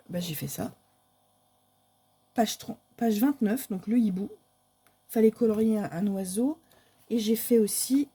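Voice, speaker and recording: Chatty woman with a mellow voice. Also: a little high, husky. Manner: chatty, hesitant, many fillers and restarts. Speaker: crafting vlogger. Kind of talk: casual show-and-tell of coloring books.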